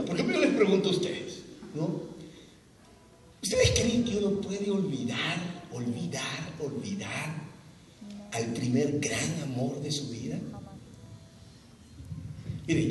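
A man preaching a personal testimony to an audience, an animated storyteller who often laughs. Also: a little high, a little slow, long pauses, a little hiss or hum. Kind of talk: sermon testimony. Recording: echoey hall, far from mic, audience.

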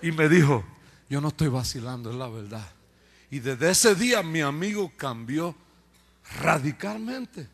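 His voice a little high and animated, the preacher tells his testimony at a measured pace. He plays out other people's voices with humor and laughs at himself.

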